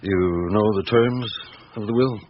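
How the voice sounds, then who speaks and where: A man playing a patient, probing middle-aged police inspector in a radio drama, questioning in a measured, hesitant way. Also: lowish voice, close to an everyday voice. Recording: dull, noisy old radio recording.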